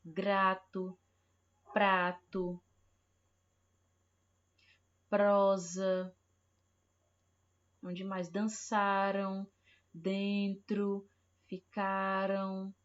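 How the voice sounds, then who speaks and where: A woman's voice: mid-range voice, highs cut off. A woman teaching an online primary school Portuguese lesson, patiently reading example words and checking that the children follow. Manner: slow, patient, repeats words and checks with "certo?". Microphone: computer mic, online class.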